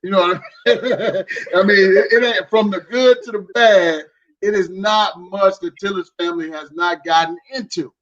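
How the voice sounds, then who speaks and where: A man's voice: sits high, normal speed, fairly bright tone. A man in his forties, a guest husband, talking loosely and chuckling in casual chat. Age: 40s. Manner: talkative, chuckling, loose and informal. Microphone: video call. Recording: distant muffled video-call mic.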